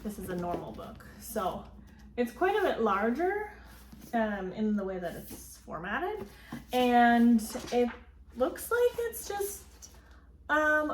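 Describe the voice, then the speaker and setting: A fairly high-voiced woman talks through her book haul, recorded on a phone in an echoey room. Her chat rambles along with plenty of ums and likes, and a faint room ambience sits behind her. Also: a little hiss or hum. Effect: filmed as a phone video. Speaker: book vlogger. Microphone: phone camera.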